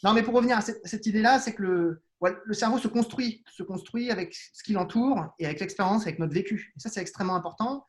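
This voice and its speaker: A man with a high voice answers neuroscience interview questions at a quick pace with hardly any pauses. An adult with children appearing as a guest, he explains patiently despite frequent restarts and hesitations.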